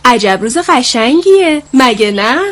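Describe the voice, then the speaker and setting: A woman voicing a kind, calm hoopoe bird who gives gentle advice in a children's story. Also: on the high side. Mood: kindly. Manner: calm, kindly.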